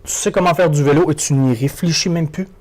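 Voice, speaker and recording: A man's voice: a little high, fairly quick, a little mellow. A man with a Québécois French accent, a motivational speaker giving an interview, who repeats words and phrases for emphasis. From Quebec. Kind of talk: animated interview talk.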